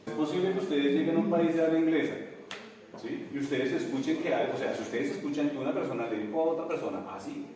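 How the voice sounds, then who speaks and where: A man with a Colombian accent teaching English in a classroom, animated and addressing his students with local slang. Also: fairly high pitch, fast. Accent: Colombian Spanish. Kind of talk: classroom lesson. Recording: echoey classroom, from far off.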